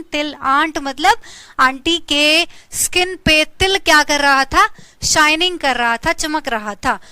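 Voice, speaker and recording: A high, bright-voiced Indian woman teaches English vocabulary in an online exam-prep class. Her throat is slightly sore, and she keeps repeating each word and asking students to say it back. The close recording sounds dry, with no room echo. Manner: repeats words, asks students to say them along.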